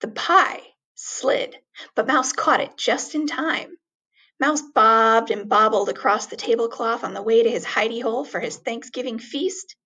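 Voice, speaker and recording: A woman reading a children's story aloud expressively, with deliberate, dramatic emphasis on words. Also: fairly high pitch, pushed and bright, husky.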